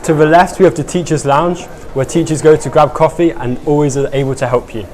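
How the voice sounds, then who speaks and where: A young man, a student calmly guiding a scripted tour. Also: fairly high pitch, fairly quick, a little hiss or hum. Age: young adult.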